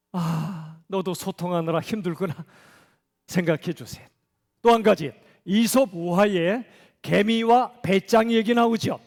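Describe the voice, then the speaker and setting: A man's voice: sits high, a little mellow. A middle-aged man preaching a sermon as a pastor, talking conversationally and asking the congregation questions. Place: church sanctuary. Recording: church hall reverb.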